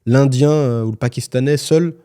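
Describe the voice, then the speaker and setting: Guy chatting on a podcast, dark mellow voice, frank and slangy, lots of restarts. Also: medium pitch, smooth. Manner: fast, frank, colloquial, many restarts. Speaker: podcast co-host, property agent. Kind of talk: casual podcast conversation.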